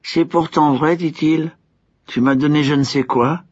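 A simple-minded young peasant hero, as a man puts him on, speaks in a high, eager voice that leaps up on every call. The tone is husky, and the recording sounds dull and lo-fi. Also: a little slow. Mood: excited. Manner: high, excited calls.

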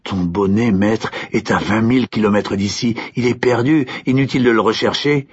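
A devoted invisible servant spirit, voiced by a man, speaks low and hushed, almost a whisper. The voice is husky and calm, on a dull lo-fi recording. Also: moderate pace. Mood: gentle.

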